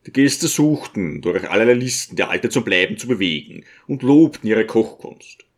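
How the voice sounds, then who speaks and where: A man reading a classic novel aloud as an audiobook narrator, in a measured, even storytelling manner. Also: lowish voice. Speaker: audiobook reader. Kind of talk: scripted narration.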